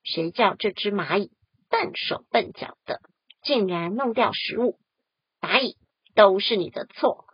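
A woman voicing an irritated little grasshopper in a storybook, peevish and high. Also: lively intonation, a little slow, slightly rough, dry recording, lo-fi sound.

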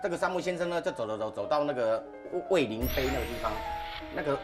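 With loud music behind him, a Taiwanese Mandarin-accented podcast host with a mid-range voice talks very fast. He spins ghost stories for his panel, animated and dramatic but relaxed.

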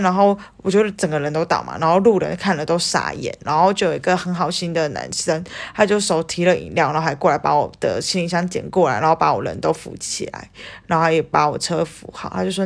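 Gravelly-voiced Taiwanese woman telling a story. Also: lowish voice. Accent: Taiwanese Mandarin. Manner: animated, acts out her own lines, swears casually. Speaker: podcast co-host. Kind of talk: casual chat, storytelling.

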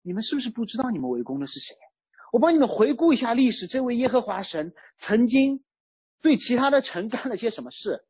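Husky, lively conversational preacher. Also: medium pitch, fast, no echo, highs cut off. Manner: conversational, uses everyday chat-group analogies. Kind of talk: sermon on a psalm.

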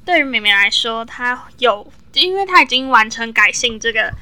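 A woman podcast host asking gentle, probing interview questions. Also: a little high, lively intonation, moderate pace, clear, resonant tone.

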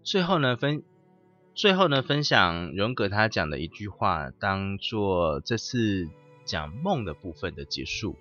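A man's voice: lowish voice, very animated, a little slow, pushed and bright. A man hosting a podcast who tells a story and reflects in a conversational, emphatic way. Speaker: podcast host. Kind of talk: storytelling monologue on dreams. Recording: muffled audio with faint music.

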